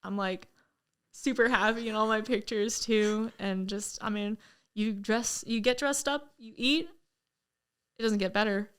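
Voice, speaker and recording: A young woman guest on a podcast with a smooth, clear voice. She tells her stories in an easygoing, upbeat way and laughs along with the host. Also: mid-range voice, fairly even intonation, measured pace, a bit bright. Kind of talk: casual chat.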